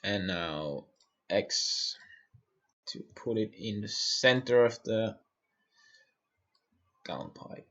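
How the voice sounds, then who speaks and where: A man from Austria, muttering to himself while he works through a software build on a live-stream tutorial and answering viewers' questions. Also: lowish voice, animated, drawn-out words, long pauses, dull audio.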